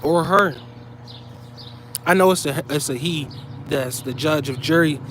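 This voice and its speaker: A man's voice: fairly high pitch, unhurried, a bit bright, slight background noise. A man delivering heated, profane commentary straight to his viewers, blunt and scolding.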